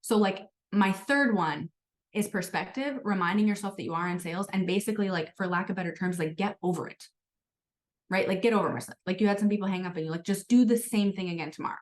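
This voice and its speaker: A woman's voice: medium pitch, fast. A woman leading a sales team training, telling stories in a chatty, motivational way with lots of filler words. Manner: chatty, storytelling, frequent "like" and "guys". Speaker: sales team leader hosting a training call.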